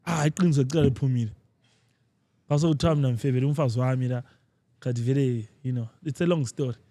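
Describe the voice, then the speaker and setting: A man hosting a casual podcast, animated and teasing, slowing down to read headlines aloud. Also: medium pitch, dry recording. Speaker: podcast host. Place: lounge podcast set.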